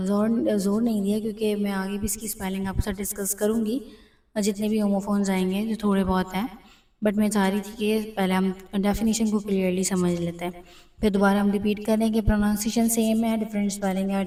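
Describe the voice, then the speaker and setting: A woman's voice: medium pitch, dark tone. Patient Urdu-accented woman teacher, distant and roomy. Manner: patient, repeats key points, mixes English terms into her talk. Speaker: English teacher. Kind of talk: explaining a lesson over slides.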